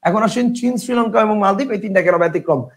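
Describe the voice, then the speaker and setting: High, gravelly Bangladeshi teacher. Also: male voice, quick pace. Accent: Bangladeshi colloquial Bengali. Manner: chatty, repetitive drilling, checks if students understand; reads out student questions from chat. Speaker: Bengali grammar teacher. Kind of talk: online exam-prep class.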